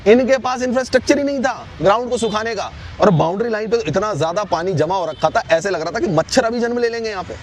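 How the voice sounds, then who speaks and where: A man's voice: sits high, fast, hardly any pauses. A man with a Pakistani Urdu accent reporting with mocking, vivid exaggeration. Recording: crowd noise behind.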